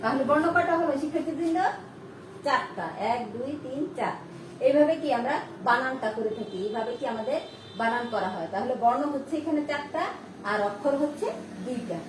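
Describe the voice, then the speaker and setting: A woman's voice: high-pitched, brisk, noisy background. A woman teaching a grammar lesson to students. She repeats each point and asks herself questions as she explains. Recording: echoey room, mic at a distance.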